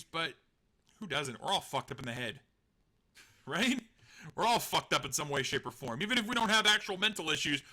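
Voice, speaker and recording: A live stream host with a high, sharp-toned voice chats casually and rambles. He's self-deprecating, laughs often, and throws in a swear now and then.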